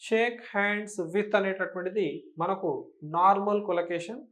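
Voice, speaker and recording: A man's voice: high-pitched, steady tone, moderate pace, fairly bright tone. A man with a Telugu accent teaching English for an exam, explaining patiently and often checking that students follow. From Telangana, India. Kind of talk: exam-prep lesson.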